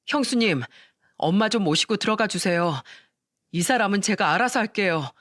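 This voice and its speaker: A woman's voice: mid-range voice, normal speed, dry recording, clean studio sound, lightly acted. A woman playing a stern, fed-up husband. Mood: pained. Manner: stern, flat then harsh. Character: angry, fed-up husband, younger brother.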